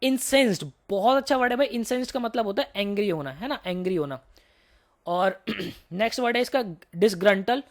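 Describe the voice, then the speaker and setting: A woman teaches vocabulary with a slightly hoarse throat. She moves between Hindi and English, and keeps checking that the students follow her. Her English example sentences come out slow and deliberate. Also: medium pitch, expressive. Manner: explains words in Hindi mixed with English, often asks "है ना" and calls students "bhai"; reads English example sentences slowly and carefully. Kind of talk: vocabulary lesson for entrance exams.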